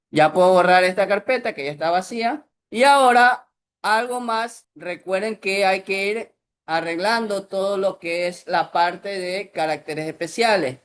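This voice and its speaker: Patient man teaching software. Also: sits high. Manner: patient, step-by-step explaining. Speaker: instructor. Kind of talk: screen-recorded software tutorial.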